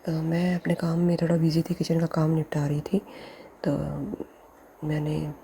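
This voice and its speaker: A middle-aged woman sharing a devotional testimony in a soft, halting way, often addressing her listeners respectfully. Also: deep voice, little pitch movement, a little hiss or hum.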